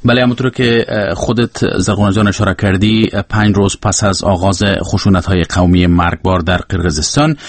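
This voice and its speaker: A man giving a news summary as a radio journalist, pausing now and then. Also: low voice, steady tone, no echo.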